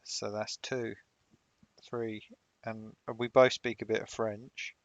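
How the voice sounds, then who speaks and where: A man from Sunderland, England, with a Sunderland accent, hosts a geography guessing game stream, bantering bluntly while he plays and repeating his jokes. His fairly low voice is slow and flat, and the audio is dull with no room sound.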